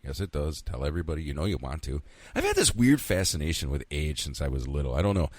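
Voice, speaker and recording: A man's voice: extremely low pitch, wildly swooping pitch, fast talker, dry recording. A man in his fifties from central New York, hosting a casual solo podcast, rambling and candid, swearing freely and talking to himself. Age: 50s. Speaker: podcast host.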